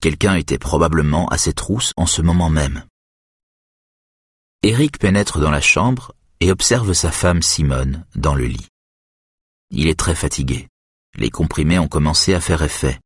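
A man doing measured, scripted audiobook narration of a thriller. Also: very deep voice, husky, no room sound, clean studio sound.

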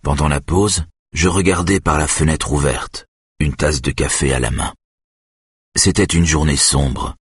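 A man narrating a novel in a measured, subdued way. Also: very deep voice, fairly even intonation, slightly rough, no room sound, studio quality. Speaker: audiobook narrator. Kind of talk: literary narration.

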